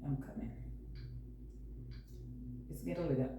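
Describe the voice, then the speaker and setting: Talking to viewers while she shows off home decor purchases, a woman rambles casually and mutters to herself as she works. She has a very deep voice and speaks at a measured pace. The room at home is very echoey, the mic is distant, and there's plenty of noise.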